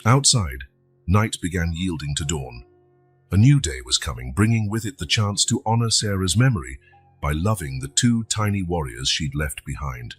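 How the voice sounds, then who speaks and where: A man reads a scripted emotional story in a solemn, measured way. His voice is deep and husky. Soft music plays faintly beneath him. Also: very animated. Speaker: narrator.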